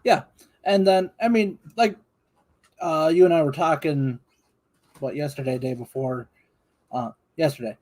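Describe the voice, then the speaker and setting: A man's voice: a little high, unhurried, long pauses, darkish tone. A man co-hosting a live stream in casual chat, talking in a rambling, hedging, conversational way.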